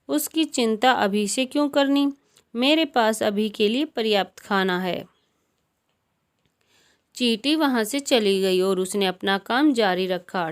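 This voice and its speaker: Woman narrator, slow, calm storybook reading, bedtime tale. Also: medium pitch, clear, resonant tone.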